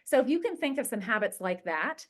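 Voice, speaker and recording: A woman's voice: on the high side, very animated, fairly quick. A middle-aged woman leading a group coaching session on habits, chatty and informal with lots of fillers. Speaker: wellness coach. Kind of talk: casual group coaching talk.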